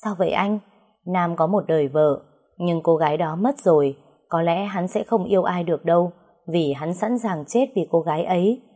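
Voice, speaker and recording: A woman voicing a calm, knowing young husband who speaks seriously and steadily. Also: lowish voice, moderate pace, close to an everyday voice.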